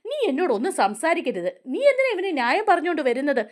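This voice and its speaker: A woman voicing a harsh, scornful older male schoolteacher who scolds and insults in a raised, lively voice. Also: high voice, quick pace, voice pushed up. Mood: angry, scornful.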